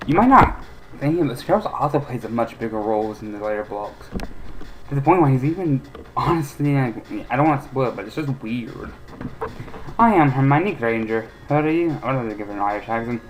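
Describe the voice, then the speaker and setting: A man's voice: mid-range voice, lively intonation, fast talker, poor audio. A man casually commenting on a retro game he is playing, rambling and opinionated with many hesitations. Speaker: let's play host.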